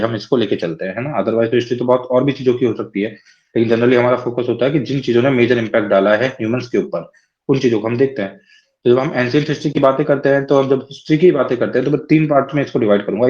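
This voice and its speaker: A man's voice: mid-range voice, a little mellow, highs cut off. A man teaching a class lecture, explaining step by step and often checking in with his listeners.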